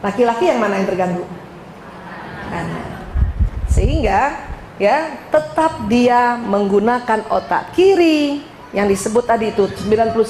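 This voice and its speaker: A woman's voice: a little high, reverberant, a little hiss or hum, rough recording. A woman from Indonesia giving a religious lecture to women, joking and speaking straight to her audience. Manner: lively, joking, addresses audience directly.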